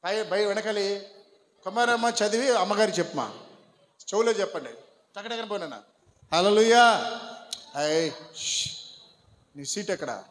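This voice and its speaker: Pastor guy, high voice, bossing the congregation along by name, big echoey church hall. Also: lively intonation, a little fast, pauses often. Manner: directs congregation by name, coaxing and urging. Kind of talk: sermon with congregation instructions. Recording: long hall reverb.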